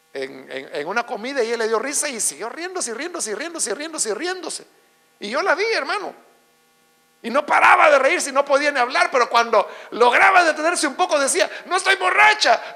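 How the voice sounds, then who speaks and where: Male pastor, sermon delivery, very high bright voice, lively swings, gravelly edges, echoing church hall with hum. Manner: preaching with rising shouts and slow stressed words. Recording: long hall reverb with mains hum.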